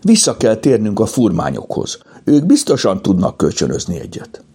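A man's voice: lowish voice, wildly swooping pitch, mellow, slightly rough, voice pushed up, heavily acted. A man voicing a clever, grumpy young boy in a children's audiobook, blunt and scolding.

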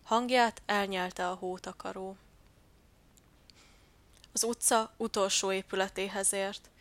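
Woman gently narrating a storybook. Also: medium pitch, steady tone, no room sound.

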